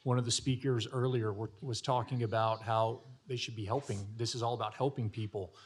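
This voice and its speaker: A man speaks as a county commissioner at a public meeting, with a mid-range voice. He talks off the cuff in a halting way, often doubling back on words as he looks for the next phrase. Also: medium pitch, steady tone, husky. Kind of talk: extemporaneous remarks at a public meeting.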